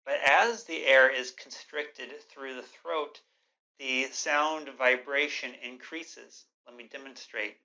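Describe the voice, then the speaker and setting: A man teaches a yoga breathing practice with a clear-cut bright tone and mid-range pitch. He explains and guides in a measured, gently instructive manner. The recording is a little dull and lo-fi.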